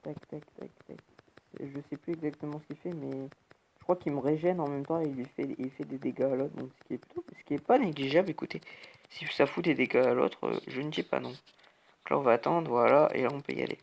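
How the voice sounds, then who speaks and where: In a rough recording with a little hiss or hum, a young man talks a little fast in a fairly high, creaky voice. The gaming YouTuber has a cold and rambles casually over a video game. He keeps dropping sound words such as "hop," "bam" and "tac."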